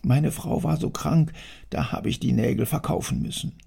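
A man voicing a poor, frightened male factory worker in an audiobook, pleading in a soft, half-whispered voice. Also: a little high, normal speed, vocal fry, breathy edge, pitched above the performer's own voice, heavily acted. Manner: pleading, timid. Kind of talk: audiobook character voice.

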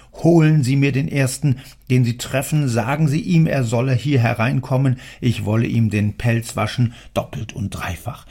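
A man voicing a gruff, domineering older male factory owner who scolds loudly and sarcastically. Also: on the low side.

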